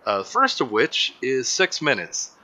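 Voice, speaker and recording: A man's voice: mid-range voice, wildly swooping pitch, measured pace, pushed and bright, muffled recording. A man hosting a live commentary panel, joking casually, laughing often and restarting his sentences. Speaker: host of a live movie commentary show.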